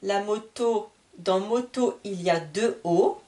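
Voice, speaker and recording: A woman's voice: medium pitch, slow, warm tone. A woman teaching a beginner reading lesson, speaking patiently and carefully and repeating each word. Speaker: French teacher. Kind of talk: slow, clear reading lesson for learners.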